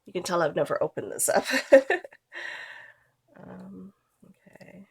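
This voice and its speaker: She speaks slowly in a fairly low, slightly rough voice with vocal fry, nasal from a cold. A scrapbooking vlogger in her thirties, she chats relaxedly through a craft tutorial and trails off while working.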